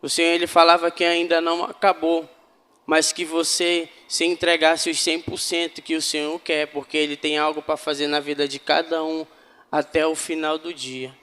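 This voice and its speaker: A man's voice: fairly high pitch, little pitch movement, moderate pace, a bit bright, clear, resonant tone, long reverb tail. A man giving a fervent spiritual testimony to a congregation, often calling them brothers. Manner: fervent, addresses listeners as brothers. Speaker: church member giving testimony.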